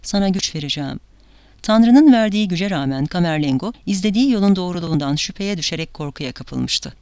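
A woman narrating an audiobook with a dramatic, measured delivery. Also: on the low side, expressive, a little mellow, smooth, no echo.

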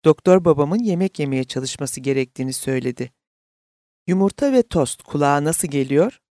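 A man voicing a caring, anxious young adult daughter, raising his voice higher when she calls out. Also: expressive, fairly quick, warm tone, no echo, studio quality, close to an everyday voice. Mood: brisk, cheerful.

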